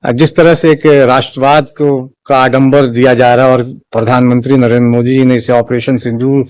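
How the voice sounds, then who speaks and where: Halting Hindi-speaking male commentator, dry sound. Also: mid-range voice, level tone, a little mellow, clear, resonant tone, no echo. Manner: measured, halting, many restarts and fillers. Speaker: political commentator. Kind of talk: spoken opinion commentary.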